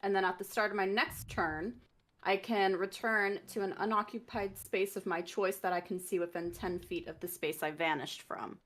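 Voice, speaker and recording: A woman's voice: medium pitch, steady tone, moderate pace, a bit bright. A woman playing in a tabletop game, earnestly asking the game master about her spells and staying in character. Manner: earnest, questioning. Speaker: player. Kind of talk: tabletop role-play, asking rule questions.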